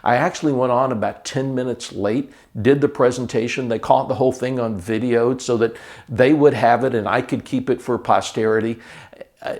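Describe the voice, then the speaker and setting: A man, a professional speaker, telling a story to camera in a steady, matter-of-fact way. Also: medium pitch.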